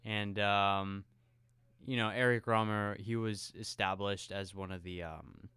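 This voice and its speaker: A man co-hosting a film podcast, talking in a relaxed, conversational way. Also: lowish voice, unhurried, clear, resonant tone, no room sound. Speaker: podcast co-host. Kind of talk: casual film podcast chat.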